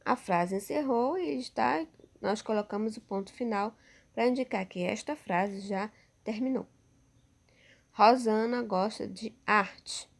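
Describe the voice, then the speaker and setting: A woman's voice: fairly high pitch, moderate pace, creaky, darkish tone. A woman teacher with a Brazilian Portuguese accent giving a recorded lesson over slides, patient and checking in with her pupils often.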